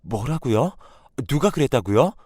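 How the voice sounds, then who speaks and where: A man's voice: medium pitch, very animated, normal speed, no echo, studio quality, voice pushed up, natural voice. A man voicing an indignant young wife. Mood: shocked. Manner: pleading, then sharply indignant. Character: young married woman, upset and indignant.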